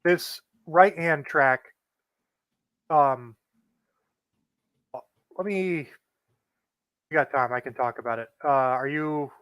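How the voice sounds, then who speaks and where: Male guest player, slightly higher voice, monotone explainer, dry close sound. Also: takes it slowly, pauses often, smooth, dry recording. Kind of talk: casual gameplay explanation.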